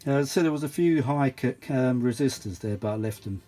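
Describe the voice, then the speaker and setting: With a warm, mid-range voice and a fairly quick pace, a British vintage audio repair vlogger talks through a casual demonstration, rambling and exclaiming as he goes. Faint music plays underneath, and the recording is noisy, with obvious background noise.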